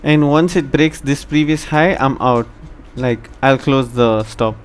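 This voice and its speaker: A man from India casually commenting on a live stream, chatting to his viewers in a relaxed way. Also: mid-range voice, unhurried, soft background music. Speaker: live trading stream host.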